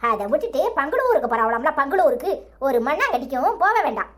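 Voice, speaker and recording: A woman plays a bossy old village grandmother in a cartoon, scolding her family in a Tirunelveli accent. Her voice is fairly high and sharp. She talks in short, commanding bursts. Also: big pitch swings, fast talker. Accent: Tirunelveli Tamil. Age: older. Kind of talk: cartoon voice acting.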